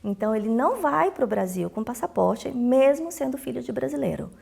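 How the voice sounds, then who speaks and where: Speaking a little fast, this woman has a fairly high, expressive voice that is husky, a touch mellow, and marked by vocal fry. Her accent is Brazilian Portuguese, and she plays a consular official who explains rules with emphasis in casual interview replies, repeating essentials and acting out exchanges in anecdotes.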